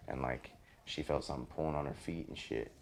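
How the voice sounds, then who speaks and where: A man's voice: extremely low pitch, quick pace, gravelly, a little hiss or hum. A young man telling a long story in a rambling, casual podcast chat, full of swearing and fillers. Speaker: podcast host.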